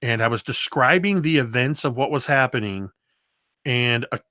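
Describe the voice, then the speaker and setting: A man guesting on an interview, telling game-table stories in a lively, animated way. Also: mid-range voice, normal speed, dry recording, studio quality. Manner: lively storyteller, does voices and moves around. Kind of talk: casual interview talk.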